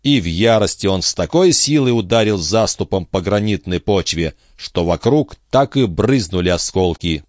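A man narrating an adventure novel in a steady, expressive reading style. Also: sits low, normal speed, few pauses, no echo, studio quality. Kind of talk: audiobook narration.

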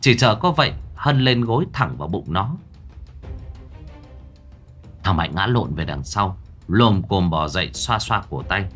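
A male storyteller with a low voice reading a ghost story, his pitch rising and falling dramatically. Soft background music plays throughout. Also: expressive, measured pace, pauses often. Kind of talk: ghost story audiobook narration.

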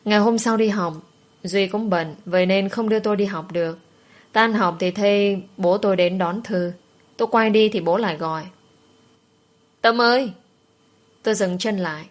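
A young woman calmly narrating a first-person story. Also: mid-range voice, brisk. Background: faint background music.

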